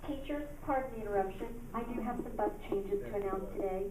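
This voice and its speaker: A woman making formal bus change announcements over a school intercom loudspeaker, heard in a classroom. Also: medium pitch, a little fast. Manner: polite, formal announcement reading. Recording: echoey distant loudspeaker over classroom noise.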